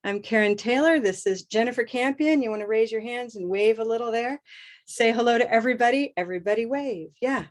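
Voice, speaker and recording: Upbeat woman teaching pronunciation. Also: on the high side. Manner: upbeat, drills words by repeating them slowly. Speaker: host and English pronunciation teacher. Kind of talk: live online pronunciation lesson.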